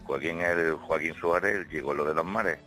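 Retired gigolo caller, very deep rumbling voice, low pitch, slow drawl, radio comedy bit. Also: male voice, sharp tone, soft background music. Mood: boastful. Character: early-retired male caller, self-styled gigolo.

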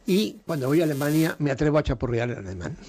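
A man's voice: on the high side, sing-song, fast, a little mellow, husky. An older Spanish-speaking man telling stories frankly in a radio interview, with salty words and many restarts. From Spain. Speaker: radio guest.

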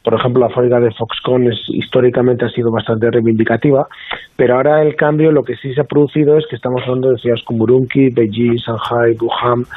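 A man calls in to a radio talk show, and his voice comes through a narrow, tinny telephone line. His tone is slightly husky, and his pitch sits in a normal middle range for a man. He explains in a measured way and often ends his sentences with a questioning tag. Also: level tone. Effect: heard over a telephone line. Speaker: professor of international relations, phone guest. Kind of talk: radio interview over the phone.

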